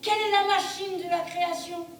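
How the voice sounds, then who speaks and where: A very high-voiced, commanding angel. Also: female voice, fairly even intonation, brisk. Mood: solemn, commanding. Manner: grandiose, declamatory. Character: solemn, commanding female angel. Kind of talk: incantatory stage acting. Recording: distant mic in echoey theatre.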